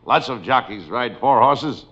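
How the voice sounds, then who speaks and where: An American actor playing an exasperated police lieutenant in the manner of a 1930s beat cop in radio comedy. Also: male voice, mid-range voice, expressive, a little slow, a bit bright, husky. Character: excitable, exasperated police lieutenant in comic sketch. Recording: dull lo-fi old radio, faint noise.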